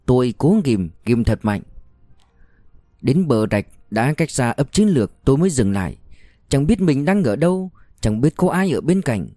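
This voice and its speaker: A man reading a war novel aloud in steady, measured narration. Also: medium pitch, dry recording, clean studio sound, faint music behind. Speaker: audiobook reader.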